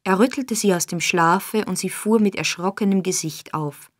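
A woman's voice: mid-range voice, normal speed, dry recording, studio quality. Woman narrating a dramatic audiobook. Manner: steady, dramatic reading. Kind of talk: scripted narration.

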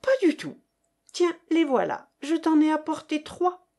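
A woman voicing a spirited young woman student who speaks brightly and with enthusiasm. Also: high-pitched, very animated, a little slow, vocal fry, pitched above the performer's own voice, heavily acted. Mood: warm.

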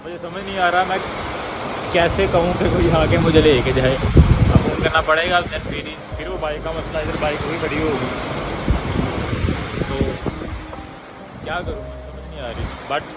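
A young man in his twenties talking casually into a phone at arm's length, sheltering outdoors from heavy rain at night and slowly reciting poetry in a soft, musing way. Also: on the high side, heavy background noise. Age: 20s. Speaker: vlogger. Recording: phone video with loud music over it. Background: music and rain.

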